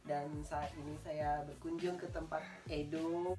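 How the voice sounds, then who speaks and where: A woman's voice: low voice, little pitch movement, unhurried, distant mic, loud music behind the voice. A woman around thirty from Indonesia, a guest chatting casually about her school days, rambling with fillers and laughing often. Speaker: guest, old school friend. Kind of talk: casual chat. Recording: voice a bit away from the mic.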